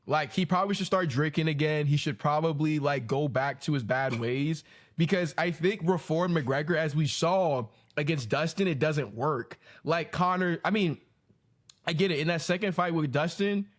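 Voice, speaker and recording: A man, co-hosting a casual podcast chat in a rambling, animated way with lots of fillers. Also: on the high side, moderate pace. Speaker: podcast co-host.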